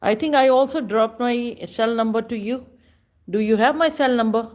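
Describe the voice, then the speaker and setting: A woman, chatting casually with viewers on a livestream in slow, halting speech with many pauses. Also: a little high, a little mellow. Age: 50s. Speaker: livestream host. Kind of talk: casual live chat with viewers.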